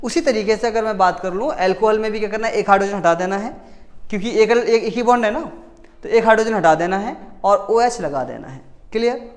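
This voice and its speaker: A man teaches a chemistry lesson in casual classroom talk, asking questions and answering them himself, repeating key words, and frequently correcting his own slips. His voice sits high and moves fairly quickly.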